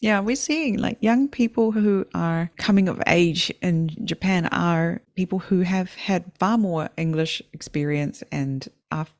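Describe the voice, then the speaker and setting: Low gravelly New Zealand woman. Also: unhurried, few pauses. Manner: relaxed, chatty, many fillers like "you know" and "like". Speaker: podcast co-host. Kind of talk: casual podcast chat.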